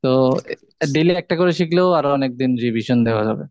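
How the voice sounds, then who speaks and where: A man's voice: medium pitch, fairly quick, darkish tone, dull audio. Patient man teaching an online class. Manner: patient, explains step by step with hesitations. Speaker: course teacher.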